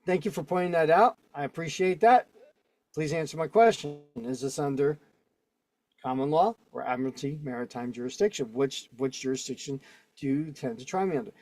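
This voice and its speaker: A man's voice: fairly high pitch, brisk, darkish tone. Argumentative man teaching over a call. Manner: argumentative, keeps checking in with "right?" and "okay?". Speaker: instructor. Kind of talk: casual teaching on a video call. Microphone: video call.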